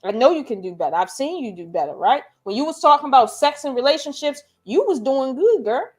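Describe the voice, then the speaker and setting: A woman hosting a casual reaction chat, talking in a blunt, profane and animated way. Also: high-pitched, fairly quick. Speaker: host.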